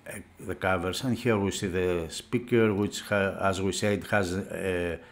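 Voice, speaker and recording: In this unscripted hands-on demo, a man who reviews products for an audio magazine speaks in a fairly low, fairly even voice. His English is a second language, and his delivery is halting, full of hesitations and word-searching.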